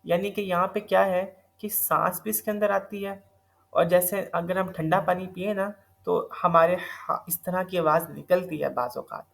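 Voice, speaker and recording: A man's voice: high voice, steady tone, gravelly, a bit bright. A man teaching Quran recitation in a recorded online lesson, explaining patiently step by step with a slightly sore throat. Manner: patient step-by-step explaining, mixing in English terms.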